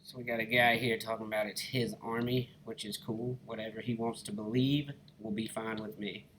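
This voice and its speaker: On a low-quality recording with slight background noise, a gaming channel host from Alabama, United States, talks in a lowish, slightly bright voice with little pitch movement and a moderate pace. He has a Southern Alabama accent and gives easygoing, folksy, casual commentary over his gameplay, calling viewers "guys" and "y'all."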